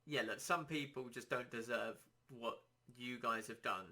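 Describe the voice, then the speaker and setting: A man hosting a casual solo podcast, rambling and self-deprecating, his throat a little dry and hoarse. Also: medium pitch, a little slow, bright, forceful tone. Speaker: podcast host.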